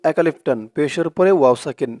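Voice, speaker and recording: A man teaching Quran recitation in a tajweed lesson. He spells out each letter and vowel mark in a Bangladeshi Bengali accent, then chants the verse slowly and drawn out. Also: fairly high pitch, a little mellow.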